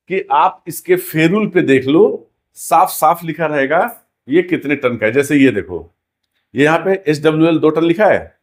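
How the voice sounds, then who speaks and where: Male rigging instructor, lively and a bit high-pitched, classroom teaching style, quizzes students on key terms. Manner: explanatory, repeats key terms as questions to the class.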